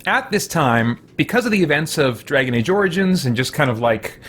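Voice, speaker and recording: A game streamer and host gives casual livestream commentary on his gameplay, his voice a little high, very animated and brisk with a fairly bright tone. There's a little hiss or hum. He rambles along, often correcting himself and poking fun at himself.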